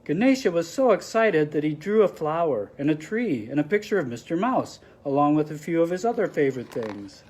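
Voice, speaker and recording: A man's voice: on the high side, very animated, fairly quick, few pauses, a little mellow. Friendly man reading a picture book. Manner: friendly, explains the pictures with asides. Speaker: storybook reader.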